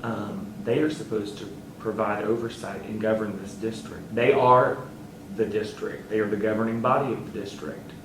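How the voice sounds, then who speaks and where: A man who sits on a school board, answering interview questions earnestly and haltingly, with fillers, and turning emphatic. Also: fairly low pitch, steady tone, reverberant, distant mic, a little hiss or hum, poor audio.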